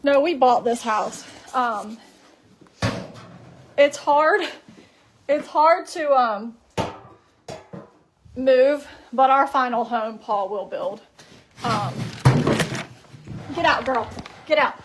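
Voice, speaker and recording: Woman, high voice, chatty, sing-song with animals, outdoors on a farm, noisy phone recording. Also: very slow, long pauses. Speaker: farm livestreamer. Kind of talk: casual livestream chat while doing chores.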